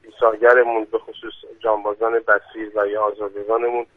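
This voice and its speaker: Male phone-in guest, formal and halting, flat delivery over a thin phone line. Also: on the low side, no echo. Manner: formal, slow, many hesitant pauses. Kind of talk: radio interview over the phone.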